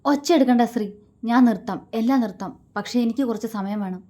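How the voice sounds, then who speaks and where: A woman reading a story aloud, voicing a hot-tempered young male gangster who shouts with contempt. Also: mid-range voice, steady tone, fast talker, close to an everyday voice. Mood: defensive.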